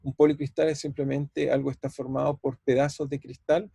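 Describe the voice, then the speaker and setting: Brisk and creaky, this man's dark, slightly rough mid-range voice shows little pitch movement, and there's no room sound. He's a physics professor with a Chilean Spanish accent giving an online university lecture, reasoning aloud, repeating himself, and quizzing students.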